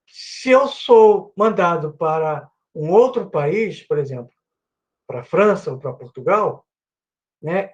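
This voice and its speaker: Seated at his computer with a mic and headphones, a Brazilian man teaches a Bible class as a Sunday school teacher. Earnest in manner, he repeats himself and keeps slipping in "né" tags. His voice sits high, and the audio is dull.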